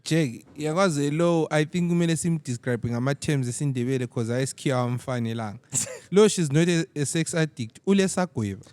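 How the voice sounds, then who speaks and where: A man co-hosting a casual podcast, measured and deliberate when recapping stories. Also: fairly high pitch, darkish tone, clear, resonant tone. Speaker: podcast co-host. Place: lounge podcast set.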